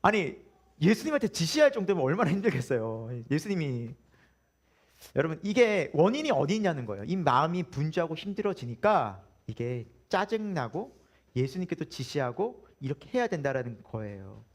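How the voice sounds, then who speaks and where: A man's voice: on the high side, sing-song, normal speed. A male pastor preaching a Sunday sermon in a church, with humor and many rhetorical questions.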